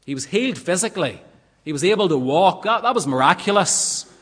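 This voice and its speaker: A man's voice: high voice, animated, a little fast, fairly bright tone, breathy edge. A man preaching a sermon in an earnest, emphatic way, often asking rhetorical questions. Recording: long reverb of a large hall.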